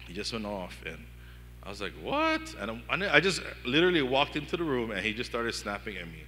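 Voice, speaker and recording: A man from Hawaii with a Pidgin-tinged accent, preaching a sermon with lively storytelling and acted-out inner dialogue. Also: on the low side, quick pace, big-room sound. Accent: Hawaiian Pidgin-tinged English. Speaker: pastor. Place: church hall.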